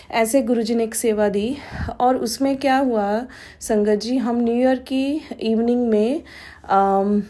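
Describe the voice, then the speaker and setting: A middle-aged woman sharing a devotional testimony with a congregation. She talks haltingly, with many fillers, and mixes English phrases into her Hindi. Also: on the high side, mellow.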